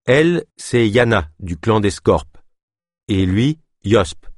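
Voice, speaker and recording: A man reading the lines of a calm young male healer of about twenty, speaking steadily and evenly in an audiobook. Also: fairly low pitch, takes it slowly, no echo, studio quality.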